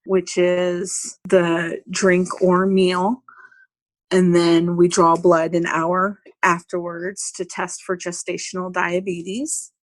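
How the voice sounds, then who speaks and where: Female guest expert, midwife, slow measured explainer, dry close mic. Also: lowish voice, no echo. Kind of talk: explanatory interview talk.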